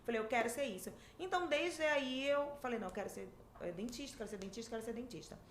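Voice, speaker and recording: Guest: lively Amazonian woman in her fifties, talkative and warm-paced, recorded in an echoey room. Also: fairly high pitch, fast. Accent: Amazonas Brazilian Portuguese. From Manaus, Brazil. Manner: lively, chatty storytelling with frequent fillers. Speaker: podcast guest, dentistry professor. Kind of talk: casual interview chat. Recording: echoey room, faint background hiss.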